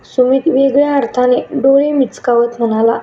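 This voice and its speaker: A woman's voice: high-pitched, fairly even intonation, normal speed, a little hiss or hum. A woman reading a scripted story aloud, giving each character a lightly shifted voice. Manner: reads dialogue lines in lightly shifted voices. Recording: muffled and echoey room.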